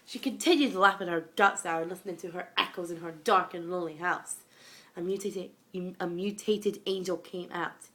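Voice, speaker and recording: Recording on her phone at home, this amateur fan fiction reader, a young adult or younger, performs a scripted story with dramatic flair. Her voice sits on the low side, a bit bright, at a moderate speed.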